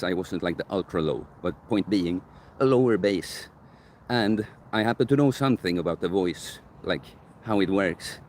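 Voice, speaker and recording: A young coach with a deep bass voice and a darkish tone holds a casual live Q&A outdoors in a park near sunset, answering viewers while rambling and correcting himself aloud. The audio from his handheld phone camera has a little hiss or hum.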